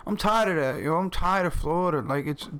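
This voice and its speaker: A man from New York co-hosting a casual podcast chat, animated and laughing often as he talks over his friend. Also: fairly high pitch, brisk, smooth. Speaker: podcast co-host.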